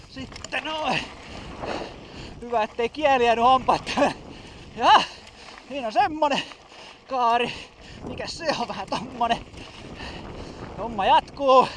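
A man's voice: very high-pitched, poor audio. A man giving a casual running commentary as he rides a mountain bike trail, with breathless exclamations, swearing and self-mocking remarks. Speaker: mountain biker filming his ride. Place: outdoor bike park trail. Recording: outdoor wind noise on camera mic.

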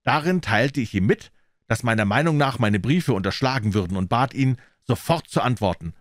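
A man voicing a stern, accusing young gentleman who argues urgently. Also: mid-range voice, lively intonation, moderate pace, no echo, clean studio sound, natural voice. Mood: indignant.

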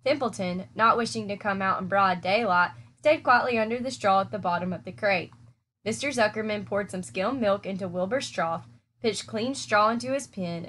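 A woman's voice: mid-range voice, slight background noise. Woman teacher reading a children's book aloud. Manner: clear, expressive storytelling.

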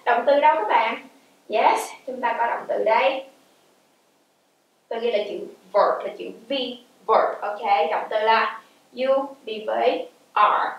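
A woman teaching an English grammar lesson in a lively way, asking the class questions and answering them herself, and reading her English examples out slowly and clearly. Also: on the high side, lo-fi sound. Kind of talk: explaining grammar in a video lesson. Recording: very echoey room, voice from a distance.

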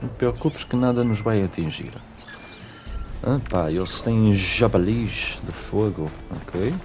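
Chatty European Portuguese gamer over loud music. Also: male voice, on the low side, measured pace. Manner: chatty, talks to the game, swears when tense. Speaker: gaming streamer. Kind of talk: casual gameplay commentary.

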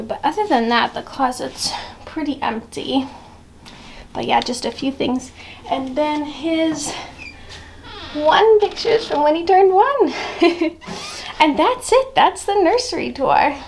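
A woman's voice: sits high, lively intonation, a little slow, gravelly, darkish tone, slight background noise. A woman in her thirties giving a chatty, upbeat home tour, often laughing as she talks. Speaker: mom vlogger. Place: house rooms indoors.

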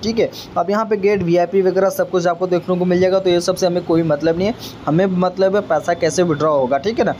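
A man's voice: sits high, a little mellow, slight background noise. A man walking viewers through a mobile app in a casual, chatty way, often checking in with them and calling them brother. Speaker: tech YouTuber. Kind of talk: casual screen-recording app walkthrough.

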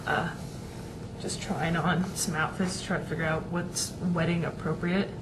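A woman's voice: deep voice, little pitch movement, moderate pace, background noise. Chatty young woman on a webcam. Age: young adult. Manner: rambling, chatty, many fillers and restarts. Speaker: vlogger. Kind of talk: casual webcam chat. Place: small home room, indoors. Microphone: webcam at desk.

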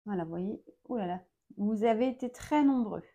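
A woman in her thirties, a mother of four, hosting a casual vlog and speaking to camera in a slow, measured way with frequent hesitations. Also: medium pitch, animated, dark tone.

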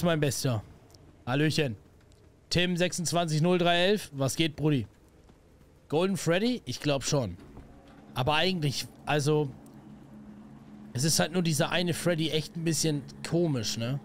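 A young man commentating a horror game live, excitable and slangy, greeting viewers. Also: on the high side, a little slow, long pauses, slight background noise. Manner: excitable, slangy, yelps at scares. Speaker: gaming streamer. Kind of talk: let's play commentary.

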